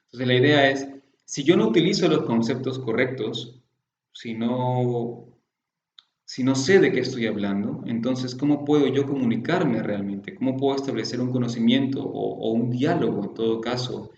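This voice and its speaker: A man's voice: mid-range voice, normal speed, creaky, a little mellow. Man lecturing in a roomy, dull recording. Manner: explanatory, poses rhetorical questions, often adds tag questions. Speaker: lecturer in classical Chinese medicine.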